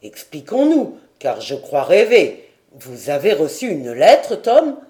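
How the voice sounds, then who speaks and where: A woman's voice: sits low, expressive, slow pace, pitched below the performer's own voice. A woman doing a vehement commanding lord. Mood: urgent. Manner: forceful, urgent questions.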